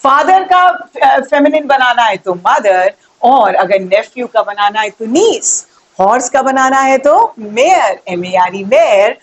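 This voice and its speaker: Woman teacher, high voice, slow deliberate pace, spells words letter by letter. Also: expressive. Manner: asks the viewers questions. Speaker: English teacher. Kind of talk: bilingual grammar lesson.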